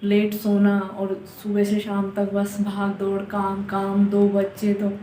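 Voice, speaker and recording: Tired mom vlogger, even and mellow, rambles through chores in a home kitchen. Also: female voice, mid-range voice, slow, a little hiss or hum. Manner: rambling, talks on while doing chores. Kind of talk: casual chatty home vlog narration.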